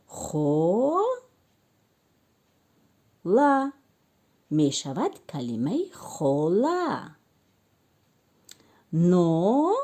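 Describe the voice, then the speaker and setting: A woman with a Tajik accent, a teacher giving a children's alphabet lesson and sounding out syllables slowly. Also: sits low, warm tone, breathy edge. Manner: slow sing-song syllable drilling for children.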